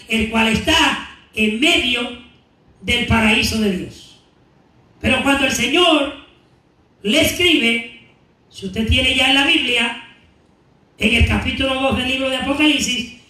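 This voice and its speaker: A man preaching a Bible teaching to his congregation, asking them questions and answering them himself, and reading scripture slowly and deliberately. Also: very high-pitched, bright, forceful tone. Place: church sanctuary. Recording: echoey church hall, mic at a distance.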